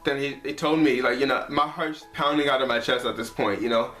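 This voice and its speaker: Speaking quickly in a steady, mid-range, fairly bright voice, a twentysomething male vlogger shares a heartfelt personal story to camera indoors at his apartment. He often says "like" and "you know." Faint music plays behind him in an echoey room.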